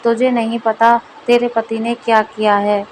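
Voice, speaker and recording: A woman voicing a stern rich male village moneylender who scolds and threatens in a gruff manner. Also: fairly high pitch, level tone, measured pace, a little hiss or hum, close to an everyday voice, low-quality recording. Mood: angry.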